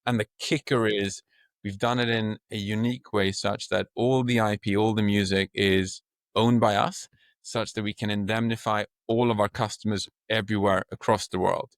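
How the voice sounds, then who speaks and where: A middle-aged Swedish man, a company co-founder appearing as a guest in a podcast interview, speaks expansively and in vivid images with a Swedish accent. His voice is fairly low and fairly even at normal speed, recorded clean in a studio with no echo.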